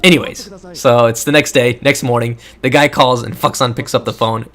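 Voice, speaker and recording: A man's voice: mid-range voice, fairly even intonation, normal speed, a bit bright, faint music behind. Crude sarcastic young man recapping a game. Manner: crude, sarcastic, laughing asides.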